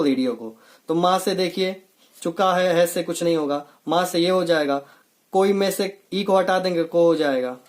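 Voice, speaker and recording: Patient coaching teacher, call-and-response drill, repeats answers. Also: mid-range voice. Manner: asks rhetorical questions and answers them, repeating key words; plain, patient explaining in simple steps. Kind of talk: online coaching lesson.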